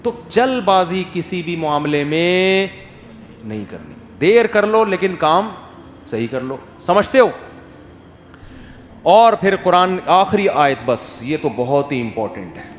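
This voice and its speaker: A man giving an Islamic sermon, swinging from emphatic questions to soft, quiet asides. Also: high voice, slight background noise. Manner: animated, rises to emphatic questions, drops to soft quotes. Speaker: Islamic scholar giving a talk. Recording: echoey hall with faint ambience.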